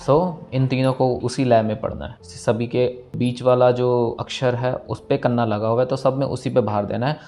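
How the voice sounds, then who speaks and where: A man teaching scripture pronunciation, reciting lines slowly and breaking words down syllable by syllable. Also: mid-range voice, fairly even intonation, dark tone. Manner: slow, careful, repeats lines syllable by syllable. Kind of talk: step-by-step recitation lesson. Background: faint instrumental music.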